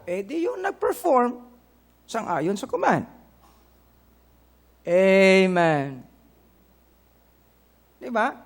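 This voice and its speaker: A man's voice: extremely high pitch, bright, forceful tone. A middle-aged Filipino man with a Filipino accent, preaching a sermon to his congregation, quoting scripture and asking them "Amen?" and "Correct?". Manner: preaching in Tagalog mixed with English, quoting scripture. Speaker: pastor.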